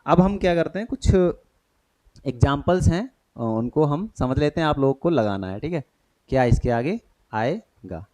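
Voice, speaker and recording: A man's voice: fairly high pitch, animated, normal speed, mellow. A man teaching an exam-prep grammar lesson, often quizzing his students and checking they follow. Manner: questioning, repeats checks like "thik hai".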